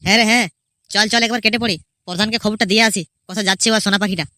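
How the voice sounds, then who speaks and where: A woman's voice: medium pitch, steady tone, rapid-fire, sharp tone, no room sound, clean studio sound, lightly acted. A woman voicing a cheeky, mocking young male henchman in a cartoon. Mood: taunting. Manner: teasing, taunting, crude jokes.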